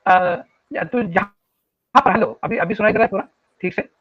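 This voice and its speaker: A man speaking as a panel guest over a video call, halting with many filler sounds, his audio choppy and cutting out. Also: sits high, dry recording. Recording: dull lo-fi video call line.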